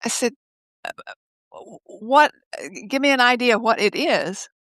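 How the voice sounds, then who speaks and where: An older woman speaking as a guest over a video call from her home office, telling stories in a lively way, laughing often and acting out the voices of others. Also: on the high side, measured pace, no echo. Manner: lively, laughs often, acts out quoted speech. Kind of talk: casual conversational storytelling.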